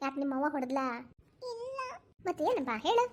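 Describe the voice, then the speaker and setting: A woman's voice: extremely high pitch, rapid-fire, a bit bright, slight background noise. A woman voicing a fussy, doting old grandmother who chatters in a coaxing, bossy way, with a Dharwad Kannada accent.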